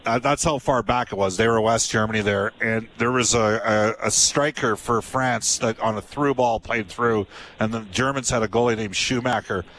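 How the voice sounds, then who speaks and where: A man's voice: fairly low pitch, steady tone, normal speed, fairly bright tone, a little hiss or hum, poor audio. A man in his fifties hosting a sports radio show, chatty and rambling, often losing his thread. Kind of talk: casual sports talk.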